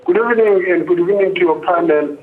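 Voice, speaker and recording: A man comes through a clipped, tinny phone line. He speaks firmly and with conviction, but keeps stopping and restarting his phrases. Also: high voice. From South Africa. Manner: halting, restarts phrases, firm and indignant. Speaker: caller to a TV panel show.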